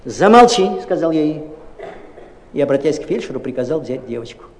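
A man giving a dramatic literary reading, expressive and tense, swinging between loud and hushed. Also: medium pitch, a little fast, a little hiss or hum. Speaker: audiobook narrator. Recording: roomy, long reverb.

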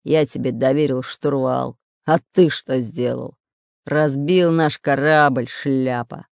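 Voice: mid-range voice, steady tone, slow, vocal fry, no room sound, studio quality, voice pushed down. A reader voicing a grumpy, bossy fat red-bearded pirate captain in a storybook reading, with a growling manner.

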